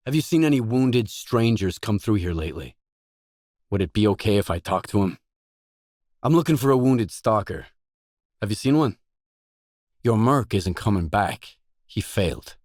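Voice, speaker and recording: Playing a video game's protagonist, a no-nonsense mercenary stalker, a man speaks clipped, businesslike lines. His voice sits on the low side, captured in studio quality with no room sound.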